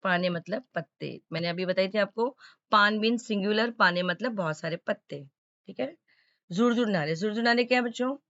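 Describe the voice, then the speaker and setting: A woman teaching a school lesson to children, explaining slowly and checking often that they understand. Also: mid-range voice, sharp tone, dry recording, dull audio. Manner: patient, repeatedly checking understanding.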